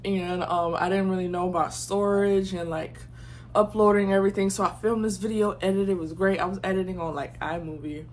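A woman in her twenties talking casually to her phone camera in her bedroom. She is candid and slangy, and swings between hushed and loud. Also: medium pitch, steady tone, brisk, slight background noise. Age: 20s. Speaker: vlogger. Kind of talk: casual vlog chat to camera. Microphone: phone mic.

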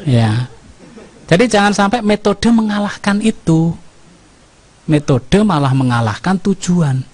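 Husky Javanese-accented preacher man. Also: sits high, unhurried, pauses often. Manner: lively storytelling, keeps asking "ya kan?". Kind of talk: humorous sermon.

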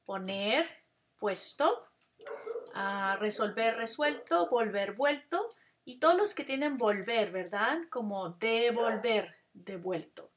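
Lady teaching spanish grammar real slow, kinda high voice, stretches out the example words. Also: expressive, a little hiss or hum. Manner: switches between Spanish and English to explain. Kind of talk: recorded grammar lesson.

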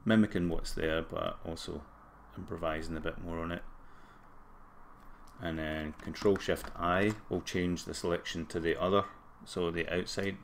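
A man with a broad Scottish accent and a groggy throat, casually thinking aloud through a screen-recorded software tutorial. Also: low voice, little pitch movement, normal speed, a little hiss or hum. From Scotland. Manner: informal, thinking aloud while working. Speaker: tutorial presenter.

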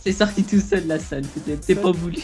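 A man's voice: sits high, fast. A man casually chatting with friends as he presents and plays a video game. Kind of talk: casual gaming chat. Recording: music under the voice. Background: music.

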